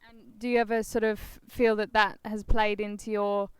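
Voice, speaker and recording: Clear-voiced woman hosting an interview. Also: mid-range voice, flat delivery, moderate pace, no room sound. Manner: polite, soft, with fillers. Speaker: interviewer host.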